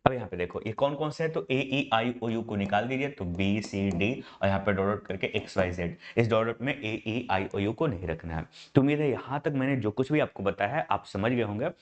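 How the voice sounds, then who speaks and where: Speaking a little fast with few pauses, a man with a lowish, animated voice teaches English grammar in an online Hindi class. He has an Indian English accent, explains step by step, calls students "my brother," and asks rhetorical questions. The recording is muffled.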